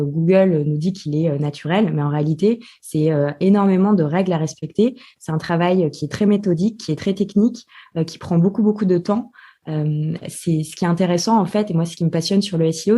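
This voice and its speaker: A woman's voice: fairly low pitch, brisk, mellow. A woman guest in a podcast interview, explaining carefully with many hesitations. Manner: hesitant, many filler sounds, methodical explaining. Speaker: podcast guest, marketing specialist.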